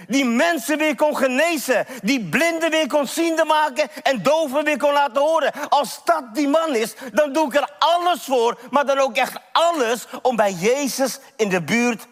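A preacher voicing Bartimaeus, a desperate blind beggar. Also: male voice, extremely high pitch, a little slow, hardly any pauses, voice pushed up. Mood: yearning. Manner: impassioned, crying out. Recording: reverberant hall.

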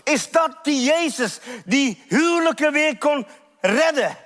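A man's voice: extremely high pitch, animated, slow pace, a bit bright, pitched above the performer's own voice, full character voice. A man preaching in Dutch voices a desperate blind male beggar, crying out with passion and pleading to be heard. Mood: yearning. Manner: impassioned, crying out. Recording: reverberant hall.

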